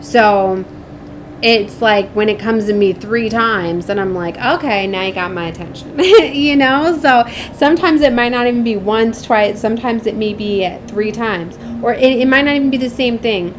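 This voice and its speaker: A woman with a slightly high voice gives a casual, rambling spiritual tarot reading at a moderate pace. She hosts a spiritual channel and reads tarot, staying chatty, often trailing off, checking in with listeners, and using tag questions to seek agreement. There's a little hiss or hum on the recording.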